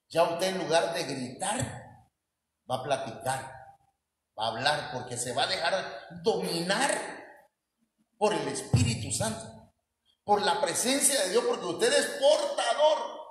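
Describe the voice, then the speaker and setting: Mexican preacher guy, high voice, cracking jokes at the flock, super echoey church hall. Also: expressive, takes it slowly, long pauses. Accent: Mexican Spanish. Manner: folksy, joking, asks the congregation questions. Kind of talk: sermon.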